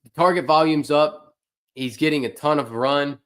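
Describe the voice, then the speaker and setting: A man's voice: fairly high pitch, normal speed. A man hosting a casual fantasy sports livestream, talking loosely and bluntly and answering his chat, a little tired and yawning. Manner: loose, opinionated, talks to chat.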